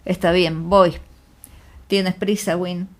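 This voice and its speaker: Mujer haciendo de médico jovial y efusivo. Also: female voice, on the low side, level tone, takes it slowly. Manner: effusive, exclamatory. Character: jovial exuberant male country doctor.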